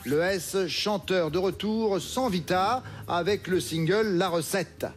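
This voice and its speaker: A man hosting a TV quiz show in a studio, reading questions briskly and crisply. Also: high-pitched, soft background music.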